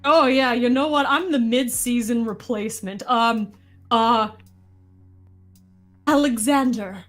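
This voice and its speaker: High-voiced sassy cartoon bat lady played by a woman. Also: slow pace, soft background music. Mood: playful, theatrical. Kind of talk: comic live storybook-style reading in character.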